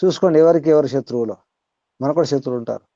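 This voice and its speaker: A man teaching to a group on a call, asking listeners direct questions and reciting verses slowly. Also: medium pitch, warm tone, dry recording, lo-fi sound. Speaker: spiritual teacher. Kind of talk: teaching over an online call.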